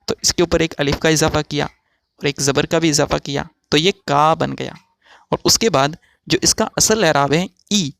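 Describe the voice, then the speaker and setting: A man teaching English pronunciation in a slow, methodical way, drawing out each example word. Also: on the high side, gravelly, noisy background. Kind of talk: recorded pronunciation lesson.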